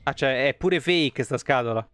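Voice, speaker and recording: A man's voice: mid-range voice, moderate pace, a bit bright, dry recording. A man with an Italian accent giving casual, sarcastic live commentary on a game he is playing, swearing freely and talking back at the characters. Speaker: gaming streamer.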